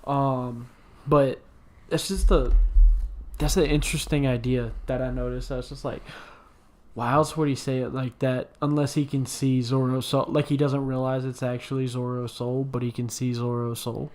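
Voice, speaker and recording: A drowsy man talking through a casual anime podcast, thinking out loud in loose, rambling sentences full of restarts. His voice sits at an ordinary middle pitch, and he sounds tired, as if fighting off yawns. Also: little pitch movement, normal speed. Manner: rambling, many fillers and restarts. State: sleepy, yawning. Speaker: podcast co-host.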